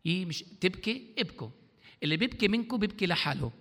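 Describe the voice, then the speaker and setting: A man's voice: high voice, sing-song, very fast, fairly bright tone. A man preaching a sermon as pastor, throwing out questions for the congregation to answer. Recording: long hall reverb.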